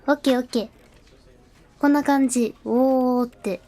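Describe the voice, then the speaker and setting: A woman's voice: high-pitched, fairly even intonation, moderate pace, mellow. A woman streaming as a VTuber, chatting casually with many fillers while she sets up and then translates the game narration aloud. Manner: chatty, lots of fillers, talks to herself while setting up.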